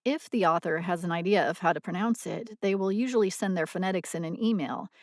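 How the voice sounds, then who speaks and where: A woman narrating a scripted audio blog in a measured, explanatory reading voice on a close mic. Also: on the low side, no room sound.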